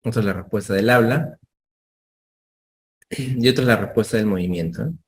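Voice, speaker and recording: A man's voice: on the low side, moderate pace. Male medical lecturer, explanatory lesson, keeps asking "right?", plays out doctor-patient exchanges. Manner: frequent tag questions, acts out patient exchanges.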